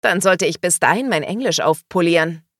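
A woman voicing an excitable, teasing young woman in a storybook, her lines raised and loud. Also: normal speed, no room sound, studio quality. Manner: high, loud, exclaiming.

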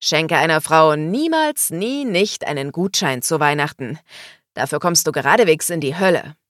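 A woman voicing a teasing man in a storybook who makes loud mock-dramatic warnings. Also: low voice, animated, moderate pace, no echo, studio quality. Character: mocking joking man at a party.

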